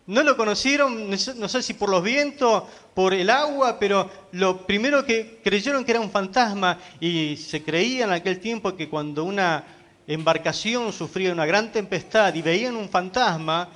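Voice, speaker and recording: A man's voice: high-pitched, fairly bright tone. A man pastor preaching a sermon, emphatic, asking the congregation rhetorical questions.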